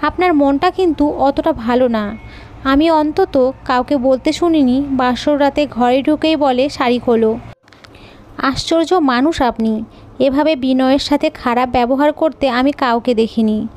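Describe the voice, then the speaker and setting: A woman voicing a soft-spoken young bride. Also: high-pitched, a little slow. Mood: earnest. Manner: soft, gentle voice.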